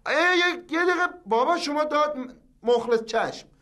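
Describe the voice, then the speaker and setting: Brief: a high-voiced eldest son, all bluster, folds quickly under pressure. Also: male voice, expressive, pushed and bright, full character voice. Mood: pleading. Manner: blustering then meekly giving in. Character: excitable grown son, quick to bluster and then back down. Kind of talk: sitcom acting.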